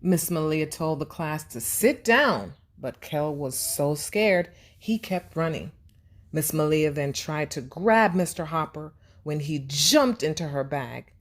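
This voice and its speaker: Reading a storybook aloud for young children, a female host and teacher uses a slightly low but very lively voice at a slow pace. She addresses the kids directly like a teacher guiding a simple lesson, expressive and full of questions and praise.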